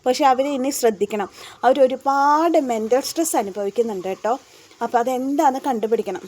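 Woman doing a calm, reassuring male doctor. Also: a little high, fairly quick, close to an everyday voice. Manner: explaining, reassuring.

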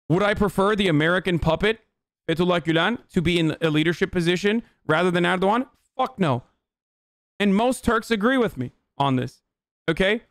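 A Turkish political streamer in his thirties rants bluntly and with plenty of profanity during a heated livestream commentary. He's indoors in a room at home, using a boom-arm studio mic, and the recording is dry.

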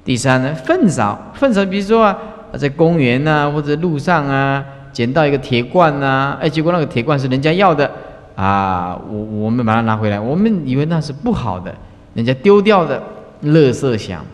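A man, a Buddhist master, giving a folksy, teasing talk on the precepts to retreat participants. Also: normal speed. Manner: folksy, teasing, chuckling asides, lively swings in pitch. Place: large lecture hall. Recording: long hall reverb.

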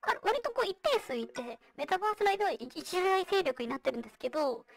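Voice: big pitch swings, fast, vocal fry, a bit bright, recorded from a distance. A presenter with a girlish feminine voice electronically processed through a voice changer, explaining survey results in a conversational way. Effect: voice changer, processed into a high feminine voice. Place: online virtual-reality venue.

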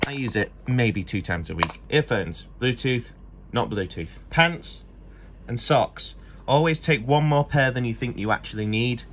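On tour as a musician, a twenty-something man jokes and chats while vlogging casually to a handheld camera in a van, a hotel room and a small venue. His mid-range voice is fairly bright and a little slow; the audio, from a phone or camera on a handheld grip, is noisy.

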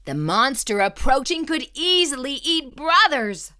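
A woman with a high, bright, forceful voice reads a children's story aloud in a sing-song way at a measured pace. Her dramatic narration is suspenseful, theatrical and emphatic.

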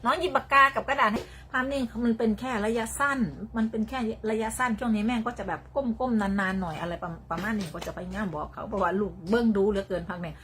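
A woman's voice: mid-range voice, fairly even intonation, fast, few pauses, a bit bright. An older woman with a Northeastern Thai Isan accent chats through a casual phone livestream. She rambles, circles back and repeats her words, breaking into laughter. A faint background hum sits under her voice. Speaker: livestream host.

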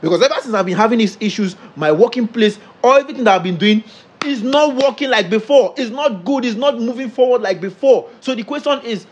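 Skit role: a man as an aggrieved Nigerian groom-to-be, fast and animated. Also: very high voice. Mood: troubled. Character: upset young fiancé, anguished and bitter. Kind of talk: comedy skit acting.

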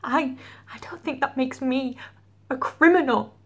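A woman in her twenties playing a grieving, volatile young widow in a dramatic monologue, sorrowful and halting, with heavy pauses. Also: sits high. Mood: defensive. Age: 20s. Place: small room at home, indoors.

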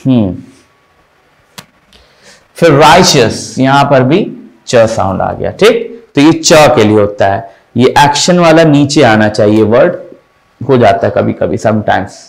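A man teaching English pronunciation in Hindi, slowly repeating each word to drill the sounds. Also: mid-range voice, lively intonation, gravelly, low-quality recording.

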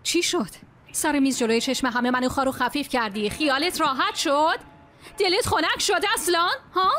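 TV drama dub: a bitter, wounded young wife, high voice, faint music behind. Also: female voice, sharp tone. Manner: reproachful, pressing questions. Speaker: wife in a marital quarrel. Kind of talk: Persian dub of a Turkish TV drama.

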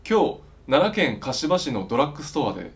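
A young man reading scripted news as a newscaster, in a formal, polite and measured delivery. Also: medium pitch, sing-song. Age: young adult. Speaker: newscaster in a parody news show.

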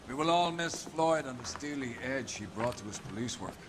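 An actor playing a middle-aged Irish police captain in a video game, brisk and wry, with a lilting, leprechaun-like delivery. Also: male voice, mid-range voice, expressive, background noise, lightly acted. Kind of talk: scripted video game briefing.

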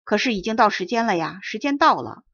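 A woman voicing a rude, greedy male wild boar in a storybook, gruff and blunt. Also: mid-range voice, animated, fairly quick, fairly bright tone. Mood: impatient. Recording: dry dull close recording.

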